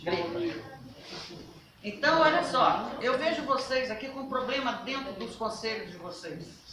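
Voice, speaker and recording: A woman on a national health council gives an emphatic talk to a workshop, asking rhetorical questions and speaking loudly. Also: on the high side, expressive, normal speed, a crowd in the background. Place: workshop meeting room. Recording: roomy, from a distance.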